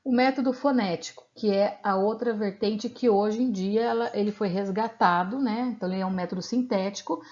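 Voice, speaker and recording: A woman's voice: medium pitch, fairly quick, few pauses, darkish tone. A woman teacher with a Brazilian accent explaining a lesson patiently in a recorded video lecture, often checking in with little tag questions. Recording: slightly dull lo-fi recording.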